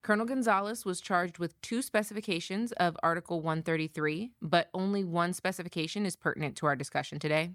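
American female legal presenter, lower-pitched, scripted case summary, dry close recording. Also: fast, few pauses, a bit bright, no echo. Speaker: podcast co-presenter, military lawyer.

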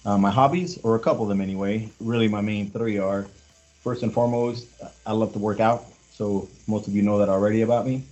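A man in his forties, an army command sergeant major, leading a casual group talk, halting with many fillers and restarts. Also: on the low side, steady tone, a little mellow, lo-fi sound, soft background music. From born in Mexico, raised in Los Angeles. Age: 40s.

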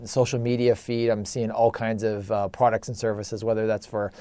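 A man who is a psychologist and podcast co-host, talking thoughtfully in a casual panel chat, often pausing on fillers. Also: on the low side, little pitch movement, dark tone, clear, resonant tone, dry recording.

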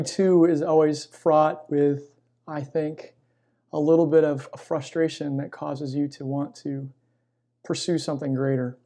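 A middle-aged man, a chaplain being interviewed, telling personal stories in a reflective, conversational way with pauses mid-phrase. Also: a little high, warm tone. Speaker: military chaplain and pastor, interview guest. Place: inside a church.

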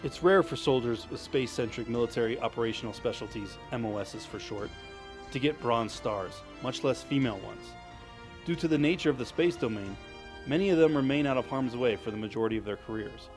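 Male military reporter, mid-pitched scripted feature narration, music bed clearly present. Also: brisk. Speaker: military public affairs reporter.

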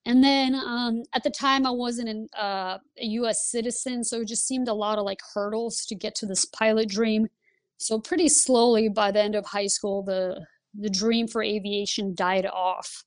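A woman tells her story as a podcast guest, lively and quick to laugh. Her voice is smooth and resonant. The recording is close and dry. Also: on the high side, no echo. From Lithuania. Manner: lively, laughs while telling stories. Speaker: guest, Air Force pilot instructor. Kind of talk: casual interview storytelling.

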